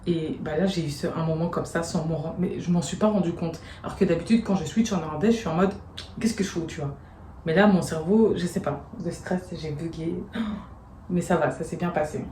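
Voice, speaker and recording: A woman's voice: fairly low pitch, a little fast, dark tone, slight background noise. Chatty woman in a roomy space. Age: late 20s. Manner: chatty, slangy storytelling. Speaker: vlogger and university student. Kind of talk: casual vlog talk to camera. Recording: roomy echo.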